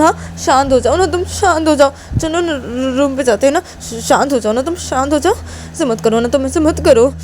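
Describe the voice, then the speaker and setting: A woman voicing Uma, a gentle young woman who softly pleads with her partner, repeating her words to calm them. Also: mid-range voice, a little hiss or hum, close to an everyday voice. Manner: soft coaxing repetition.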